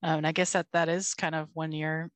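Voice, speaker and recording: Brief: low, dry-sounding woman guest, reflective, pauses to find words. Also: flat delivery, no room sound. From Argentina and the United States. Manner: thoughtful, searching for words. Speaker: podcast guest. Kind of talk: casual conversation.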